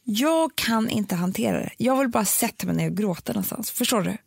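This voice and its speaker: A mother in a casual, emotional conversation, talking haltingly and repeating words when she gets upset. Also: medium pitch, expressive, vocal fry, slightly rough, no room sound, studio quality. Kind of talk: casual chat.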